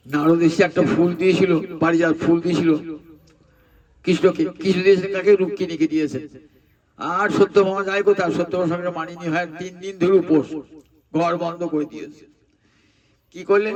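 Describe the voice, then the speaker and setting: High-voiced male preacher telling a story. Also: far from the mic. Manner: animated, dramatic retelling with questions to listeners. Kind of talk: devotional storytelling sermon.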